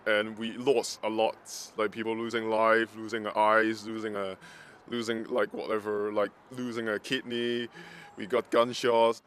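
A man speaks through a disguised, artificially deepened voice. He talks low and haltingly, restarting and reaching for words as he gives interview testimony. Faint noise sits under the altered voice. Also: level tone, fairly bright tone. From Hong Kong. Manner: halting, searching for words, many restarts and "like" fillers. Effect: voice disguised, pitch-shifted deeper. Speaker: pro-democracy organizer.

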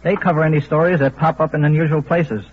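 A man's voice: fairly high pitch, fairly even intonation, quick pace, husky. An American man answering formally and matter-of-factly in a scripted-sounding 1930s radio interview. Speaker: newsreel cameraman interview guest. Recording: muffled, noisy old radio broadcast.

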